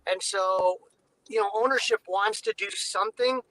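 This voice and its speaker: Over a choppy, breaking-up video call, a podcast guest who covers the Cubs chats casually about baseball in a high, bright voice at a moderate pace. He's loose and conversational, leaning on lots of "you know" fillers, and the rough recording carries a little hiss or hum.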